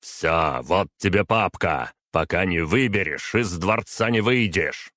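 A man's voice: low-pitched, expressive, a bit bright, dry recording, studio quality, exaggerated voice. A man voicing a stern, unbending aging emperor who speaks curtly and commandingly to his daughter. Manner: curt, measured, commanding.

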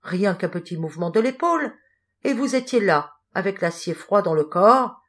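A woman's voice: mid-range voice, lively intonation, normal speed, a bit bright, natural voice. A woman voicing a defiant young thief-poet. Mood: indignant. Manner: indignant, heated.

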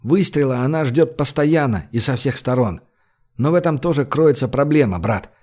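A man's voice: medium pitch, lively intonation, moderate pace, darkish tone, lightly acted. A male narrator voicing a worried, protective man who fusses anxiously over others.

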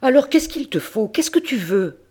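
A woman's voice: sits low, animated, moderate pace, a little mellow. A woman reading aloud, voicing a worried old farmer who exclaims anxiously at his goat.

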